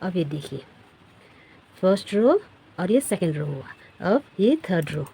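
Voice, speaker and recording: A woman's voice: on the low side, sing-song, unhurried, mellow, slightly rough. A woman teaching a knitting pattern step by step, counting stitches aloud and repeating herself as she shows each row. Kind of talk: step-by-step craft tutorial.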